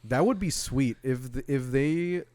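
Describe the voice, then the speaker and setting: A man with a clean, resonant voice talking games with his friends on a podcast. He is eager and swears freely. His pitch sits in an ordinary middle range. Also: unhurried, a little mellow, no echo. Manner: enthusiastic, profane, laughs easily. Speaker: podcast co-host. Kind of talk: casual chat.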